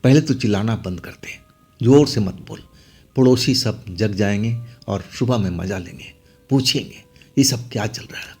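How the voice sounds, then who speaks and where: A man voicing a worried older village mother who pleads and scolds in an anxious, hushed way in a horror story. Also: lowish voice, normal speed, breathy edge. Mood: fearful hushed.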